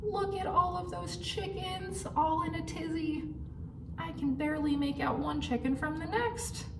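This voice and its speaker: A high-voiced woman runs an interactive picture-book read-aloud for young children, speaking slowly in simple, child-directed phrases. She animatedly builds exaggerated suspense with audible gasps, asks her listeners questions, and counts aloud slowly, all captured by a distant mic in a roomy, echoey space with clear background noise.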